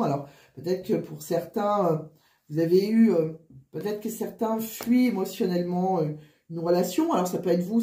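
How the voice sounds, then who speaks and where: Woman card reader w flu, wheezy n out of breath, mellow, hesitant, roomy echo. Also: on the low side. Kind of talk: casual spoken card reading.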